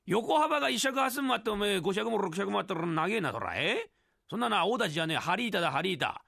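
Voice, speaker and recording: A man's voice: sits high, very animated, quick pace, pushed and bright, dry recording, heavily acted. Brief: brash Edo townsman heckler, done by a male storyteller, dry close sound. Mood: mocking. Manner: rough Edo-style tough-guy speech. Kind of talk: rakugo storytelling.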